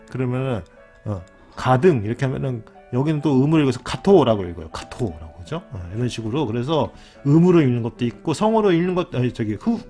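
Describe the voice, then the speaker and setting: A lecturer on a channel delivers a relaxed, explanatory lesson, repeating key words and constantly checking in with "right?". His pitch moves up and down in a lively, animated way, with soft guitar music playing faintly in the background.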